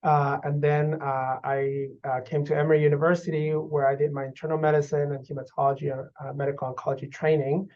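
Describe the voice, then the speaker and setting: A man's voice: fairly high pitch, flat delivery, fairly quick, few pauses. Man explaining with frequent fillers. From Guatemala. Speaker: physician researcher. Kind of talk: interview answers. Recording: dull lo-fi audio.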